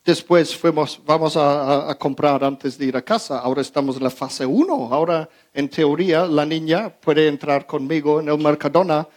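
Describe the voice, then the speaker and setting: A man's voice: on the high side, normal speed, few pauses, darkish tone. A man casually telling a funny anecdote to his audience, stumbling over his words, restarting often and laughing as he goes. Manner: many fillers and repeated words. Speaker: storyteller talking to his audience.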